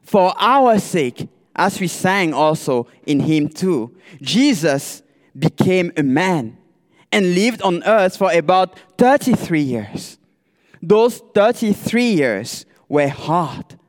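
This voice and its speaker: A man preaching a sermon as a ministerial candidate, speaking deliberately and posing rhetorical questions to the congregation. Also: high-pitched, lively intonation, long reverb tail.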